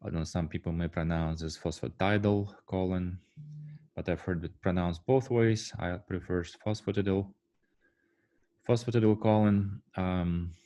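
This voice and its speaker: Deep-voiced man lecturing with many fillers. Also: mellow. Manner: halting, many fillers and restarts; asks the class rhetorical "right?" checks. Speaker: university lecturer. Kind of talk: classroom lecture.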